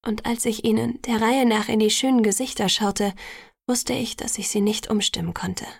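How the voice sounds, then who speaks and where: Woman reading a novel aloud, steady and measured, bit of gravel, very dry. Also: no echo. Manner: measured, voices characters lightly with raised pitch. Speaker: audiobook narrator. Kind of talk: first-person audiobook narration.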